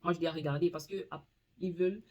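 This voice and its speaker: A woman hosting a casual screen-recording tutorial, talking straight to the viewer and reading English screen text haltingly. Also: low-pitched, fairly even intonation, muffled recording. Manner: chatty, talks straight to the viewer. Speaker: tutorial host.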